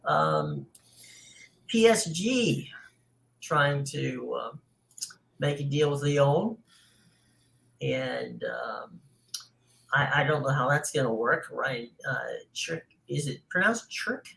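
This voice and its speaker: A man's voice: medium pitch, wildly swooping pitch, slow pace, creaky, pauses often, fairly bright tone, low-quality recording. A man hosting a casual sports talk show, rambling with many fillers.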